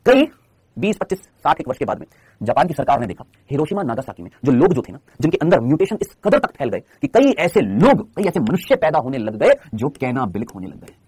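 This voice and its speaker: A man's voice: medium pitch, big pitch swings, darkish tone, slightly rough, no echo. A man teaching a lecture who asks his students questions and then answers them himself, repeating points in a coaching tone. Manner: fast, repetitive, coaching tone. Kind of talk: classroom lecture.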